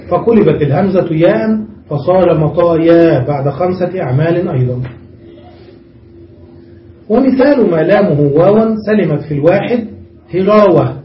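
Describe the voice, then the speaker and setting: High-voiced male grammar teacher, distant and roomy. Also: a little hiss or hum. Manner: explains step by step, often checks understanding with the class. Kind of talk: classroom grammar lesson. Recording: roomy, muffled recording from a distance.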